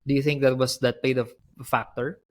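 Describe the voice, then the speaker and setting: A man's voice: mid-range voice, flat delivery, brisk. A man hosting a casual interview, speaking reflectively and dropping Tagalog fillers into his English. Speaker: host.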